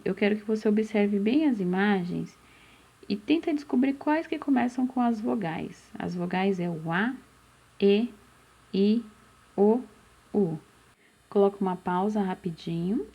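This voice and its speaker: Woman teacher, Brazilian accent, slow syllable drills for small kids, gravelly, muffled lo-fi sound. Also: medium pitch. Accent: Brazilian Portuguese. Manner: drawn-out syllables, asks questions and answers them. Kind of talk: slow, patient phonics lesson for young children. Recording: dull, muffled lo-fi recording.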